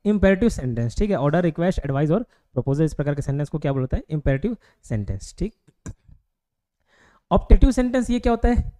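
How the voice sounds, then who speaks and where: A man with an Indian English accent teaching a grammar class online. His voice sits somewhat high but sounds dark and mellow. He drills terms by repeating them and keeps asking the class rhetorical questions. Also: big pitch swings, fast talker. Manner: repetitive, quizzing with rhetorical questions.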